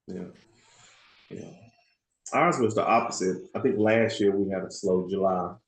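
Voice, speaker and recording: A party rental owner with a low voice and measured pace rambles casually on a video call roundtable. He's chatty and laughs a lot, and the sound is roomy.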